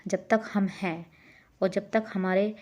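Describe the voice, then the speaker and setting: A woman's voice: mid-range voice, steady tone, slow, darkish tone. A woman in her thirties, a homemaker vlogging, talking casually and earnestly to encourage her viewers. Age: 30s. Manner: earnest, encouraging, repeats herself. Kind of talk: casual motivational vlog talk.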